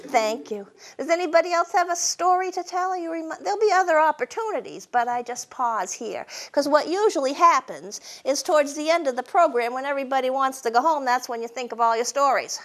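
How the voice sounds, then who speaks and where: High-voiced New woman storyteller, folksy and wry. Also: expressive, a little fast, hardly any pauses. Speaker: storyteller and humorist hosting a program. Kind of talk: live humorous storytelling to an audience.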